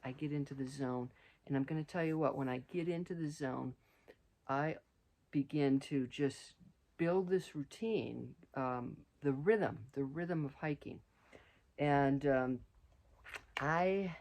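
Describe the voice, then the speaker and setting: A woman's voice: low-pitched, takes it slowly, darkish tone. Woman, middle-aged, outdoor hiking vlog, rambling, lots of ums and restarts, handheld mic on a trail. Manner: rambling, many fillers and restarts. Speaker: vlogger.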